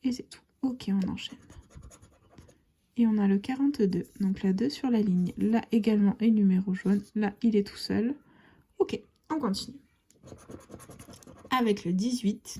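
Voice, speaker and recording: In a relaxed scratch-card video, a woman talks to her audience like friends, addressing them as "les copains," and sometimes lowers her voice to a half-whisper. Her voice is warm and breathy at a medium pitch.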